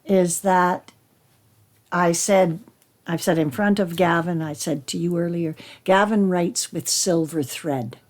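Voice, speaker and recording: Woman actor chatting in an interview, real slow and deliberate, lowish voice, earnest. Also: fairly even intonation. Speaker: stage actor. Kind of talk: reflective interview talk.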